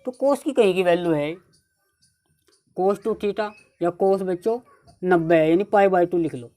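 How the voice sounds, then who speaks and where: A woman's voice: mid-range voice, darkish tone. Woman, North Indian accent, maths teacher, calls students children, patient step-by-step explaining. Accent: Hindi-speaking North Indian. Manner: keeps addressing the class as "children", repeats steps slowly. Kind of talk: whiteboard maths lesson.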